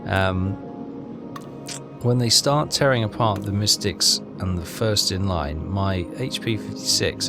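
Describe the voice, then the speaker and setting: Deep and gravelly, this man's voice mutters hesitantly as he thinks aloud during casual commentary on a game walkthrough. Game music plays in the background.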